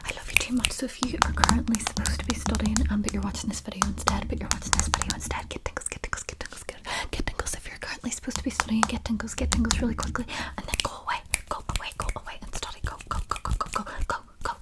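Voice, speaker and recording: Fast, aggressive whispered role-play ASMR woman. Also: on the high side, steady tone. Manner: fast, insistent ASMR whispering with rapid repetition and stuttered words. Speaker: ASMR video creator.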